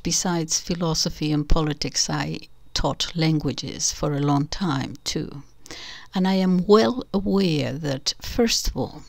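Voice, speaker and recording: A low-pitched older woman with a Spanish accent hosts her channel, rambling casually to her online audience. She corrects herself, starts over, and repeatedly drops into soft, whispery asides.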